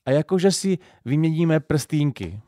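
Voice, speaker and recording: A man's voice: on the high side, lively intonation, dry recording, studio quality, pitched above the performer's own voice, natural voice. A man with a Silesian accent voicing a playful, coaxing young bride in an audiobook. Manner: soft, coaxing.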